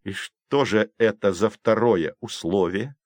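A man voicing a stubborn schoolboy who answers bullies in a low, defiant voice. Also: a little slow, darkish tone, no echo, clean studio sound. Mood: wary. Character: Jason, stubborn schoolboy defending his sister.

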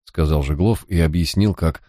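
A man narrating a story in the first person, in a steady, measured storytelling manner. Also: a bass voice, no room sound, studio quality. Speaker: audiobook narrator.

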